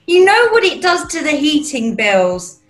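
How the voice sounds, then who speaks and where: A woman's voice: high-pitched, very animated, measured pace, a bit bright, heavily acted. A woman playing a fussing, coaxing British mother in a rehearsed script reading over a video call. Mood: brisk, cheery. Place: small room at home, video call.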